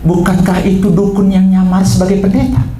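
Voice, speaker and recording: Male pastor. High, mellow voice, echoey church sound. Preaches with sudden rises and drops. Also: level tone, moderate pace. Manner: swings from low asides to high emphatic outbursts. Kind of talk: sermon. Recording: echoey church hall, faint room noise.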